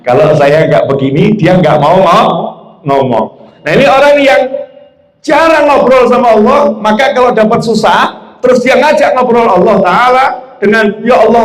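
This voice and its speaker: A man's voice: sits high, expressive, normal speed. A man preaching a religious lecture to a live audience, repeating phrases, asking rhetorical questions and acting out prayers. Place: auditorium. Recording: echoey hall.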